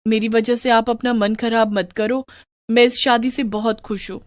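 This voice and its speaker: Young, gentle new bride with a raised, soft voice, as a woman puts her on in a cartoon story. She talks in a pleading, tender way. The sound is dry and close. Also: a little high, level tone, moderate pace, no room sound, voice pushed up, lightly acted. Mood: reassuring.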